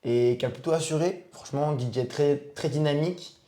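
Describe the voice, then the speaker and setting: A man's voice: a little high, brisk, mellow. A young man with a French accent co-hosting a live football chat stream, reading out viewers' names and bantering. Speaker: co-host. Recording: echoey room.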